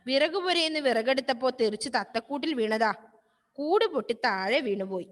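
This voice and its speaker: A woman reading as a calm farmer father. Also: sits high, normal speed, big-room sound. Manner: soothing, moralizing.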